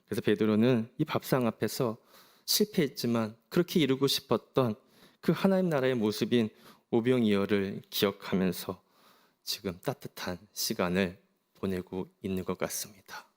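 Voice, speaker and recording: A middle-aged man from South Korea, a pastor preaching a sermon in a gentle, reflective storytelling manner. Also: fairly low pitch, moderate pace.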